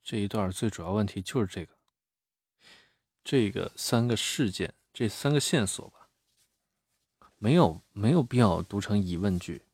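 Low-voiced man coaching reading aloud. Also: animated, moderate pace, pauses often, a little mellow, husky, no room sound. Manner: plain-spoken, repeats words while thinking. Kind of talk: live critique of reading aloud.

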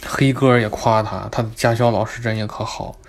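A young man telling a story in an animated, comic, chatty way. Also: lowish voice, moderate pace, gravelly. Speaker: vlogger. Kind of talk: casual storytelling.

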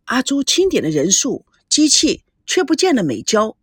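A woman's voice: on the high side, huge pitch swings, moderate pace, breathy edge, no echo. Lady reading out a story, voice goes up and down a lot, dry close sound. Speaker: narrator. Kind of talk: storytelling narration.

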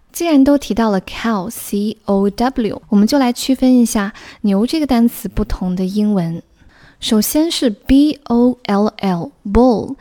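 Mellow-voiced woman teaching English words. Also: mid-range voice. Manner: patient, spells out words letter by letter. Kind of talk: explaining English vocabulary.

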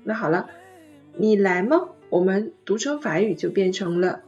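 A patient female teacher explains intonation step by step, slowing down to model each phrase. Her voice sits at an ordinary middle pitch. The recording is a little dull and lo-fi, with faint music underneath. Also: darkish tone. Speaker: French teacher. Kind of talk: online language lesson.

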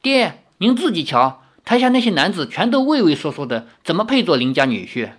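The narrator voicing a haughty, fiery young swordswoman in an audiobook, with a shrill, imperious, quick-tempered manner. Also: sing-song, a bit bright, husky. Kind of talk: audiobook character voice.

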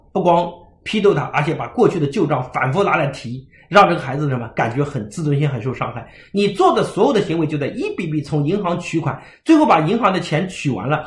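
A man giving a livestreamed parenting talk as an educator, telling stories with animated swings between loud emphasis and soft, quiet narration. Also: a little high, reverberant.

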